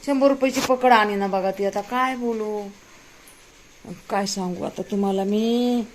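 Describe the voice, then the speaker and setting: A woman's voice: mid-range voice, fairly even intonation, a little slow, a little hiss or hum. A middle-aged woman, complaining aloud as she cooks in her home kitchen and talks to viewers. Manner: exasperated, complaining, talks while cooking. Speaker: home vlogger. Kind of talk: casual kitchen vlog talk to viewers.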